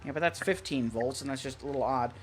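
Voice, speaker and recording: An American stream co-host who collects weather radios talks fast in a mid-range voice, rambling casually but in technical detail through features and voicing firm opinions. Faint music plays behind him.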